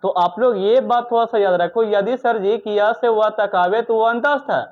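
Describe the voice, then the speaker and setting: A man's voice: high-pitched, moderate pace. A male teacher in a classroom, running a grammar lesson and firing questions at students, stern and scolding. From India. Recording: tinny phone-like recording.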